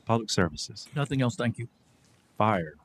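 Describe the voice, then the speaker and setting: A man chairing a city committee meeting, calling on departments in brisk procedural turns. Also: lowish voice, expressive, slightly rough. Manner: brisk procedural roll calls.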